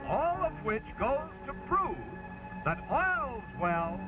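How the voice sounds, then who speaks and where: A man with a very high-pitched voice and big pitch swings gives a slow, theatrical, emphatic dramatic reading of an old-fashioned children's adventure, with music under his voice. He's a narrator and live stream host, and the recording is rough.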